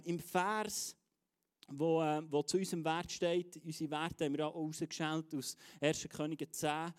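A man with a Swiss German accent preaches to his congregation in a fairly high voice. His delivery is energetic and emphatic, and he turns to address people in the room directly. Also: clear, resonant tone. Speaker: pastor. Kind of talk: enthusiastic live sermon. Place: church service.

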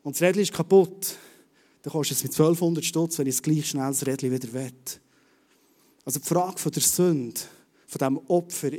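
A high-voiced man with a Swiss German accent, giving a casual, conversational sermon to his church. He swings between loud bursts and quiet, hushed asides. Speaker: preacher. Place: church service.

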